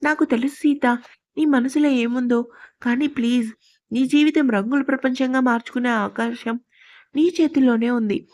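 A soft, coaxing young woman friend, read out by a woman storyteller. Her voice is slightly high and plain. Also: steady tone, normal speed, lightly acted. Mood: soothing. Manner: soothing, coaxing.

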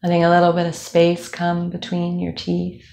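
A young woman instructor leading a calm guided body scan meditation, speaking slowly with soft fillers. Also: fairly low pitch, gravelly. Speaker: movement instructor.

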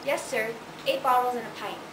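A young woman in an amateur play acting a polite, deadpan butler. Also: fairly high pitch, a little fast, distant mic, lightly acted. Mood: deferential, dry. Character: deferential, dry male butler. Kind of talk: amateur stage-play acting for a student project. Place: large living room, indoors. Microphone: camera several metres away. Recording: very noisy, echoey room from afar.

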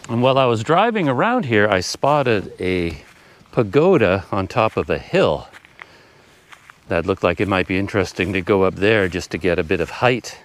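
Middle-aged male travel vlogger, low register, casual and unscripted, thinking out loud in the open air. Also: very animated, moderate pace. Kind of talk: casual unscripted vlog commentary. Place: outdoors on open countryside paths and roads.

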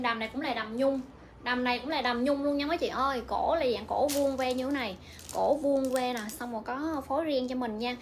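High-voiced woman calling out prices. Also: slight background noise. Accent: Vietnamese. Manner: repetitive, rapid-fire price calling. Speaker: livestream clothing seller. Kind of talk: livestream sales pitch.

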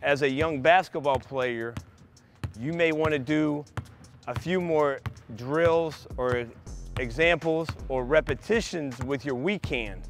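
Middle-aged man, basketball coach, patient step-by-step instruction, slightly high voice, empty indoor arena, faint music underneath. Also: slow. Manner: patient step-by-step explaining to kids. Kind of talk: instructional clinic demonstration.

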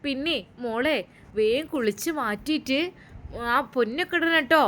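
A woman's voice: high-pitched, moderate pace, sharp tone, slight background noise. A woman voicing a doting elderly mother-in-law in a Malappuram accent, fond and fussing. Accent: Malappuram Malayalam.

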